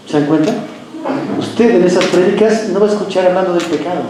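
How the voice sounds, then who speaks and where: A man's voice: a little high, mellow, a little hiss or hum. A male pastor preaching a sermon, emphatic and often asking the congregation rhetorical questions. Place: church sanctuary. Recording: very echoey church room.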